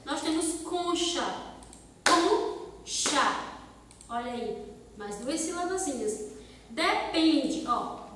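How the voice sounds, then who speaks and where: High-voiced woman teacher in an echoey room. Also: background noise. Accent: Brazilian Portuguese. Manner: slow, sing-song word-by-word syllable demonstrations; asks pupils rhetorical questions. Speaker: primary school teacher. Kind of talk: recorded remote class lesson. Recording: echoey hall-like room, voice from a distance.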